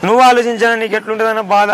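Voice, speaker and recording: A man's voice: high-pitched, little pitch movement, racing, loud music behind the voice. A young man pulling a prank, playing a heartbroken guy and pleading with repeated questions, recorded outdoors on a street. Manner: pleading, keeps asking questions, repeats himself.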